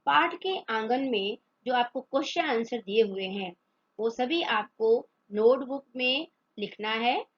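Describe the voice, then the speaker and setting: A woman teacher going through a lesson in a high, husky voice. She speaks slowly and deliberately, and the recording is dull and lo-fi. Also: expressive. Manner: slow, deliberate explanation. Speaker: school teacher. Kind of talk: reading a Hindi lesson aloud.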